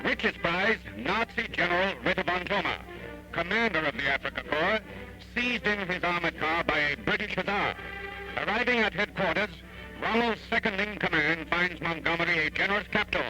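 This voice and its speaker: A man's voice: sits high, moderate pace, poor audio. A man narrating an old wartime newsreel voice-over in an urgent, declamatory, dramatic manner. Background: music.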